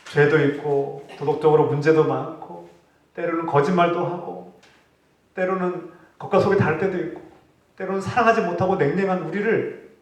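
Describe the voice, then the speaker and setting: A man's voice: fairly high pitch, steady tone, moderate pace. Brief: earnest male pastor delivering a sermon, rising and falling in emphasis, captured from a distant mic in a big echoey church. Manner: earnest preaching, voice rising for acted rebukes, dropping for quiet points. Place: church sanctuary.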